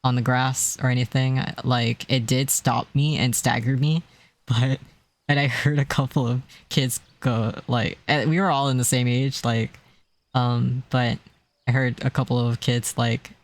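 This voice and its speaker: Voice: mid-range voice, flat delivery, measured pace. A streamer chatting casually on a live stream, telling stories in a rambling way with many restarts and a self-described weak, easily strained voice.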